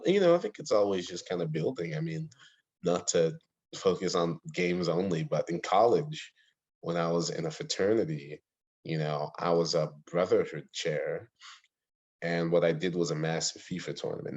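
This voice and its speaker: Young male guest from Ohio, very low voice, eager rambling storyteller, dull lo-fi call line. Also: a little mellow. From Ohio, USA. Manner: eager storyteller, many fillers. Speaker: podcast guest. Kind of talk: casual interview chat.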